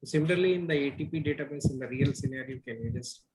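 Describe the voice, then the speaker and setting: A man asking questions in an online class, halting, with many fillers. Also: mid-range voice, noisy background. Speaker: student.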